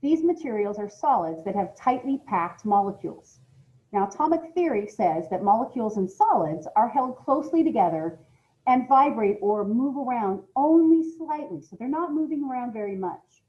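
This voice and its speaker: Reading a lesson to her students, this middle school science teacher speaks with an American accent and a slightly high, lively voice at a moderate pace. She explains things directly and adds informal asides. The audio is muffled.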